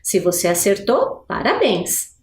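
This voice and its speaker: A woman teacher giving a recorded video lesson for adults, slowly spelling out example words and putting questions to the viewers. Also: medium pitch, wildly swooping pitch. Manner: slow, drawn-out pronunciation of example words; asks questions to the viewers, frequent "né?". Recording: echoey room.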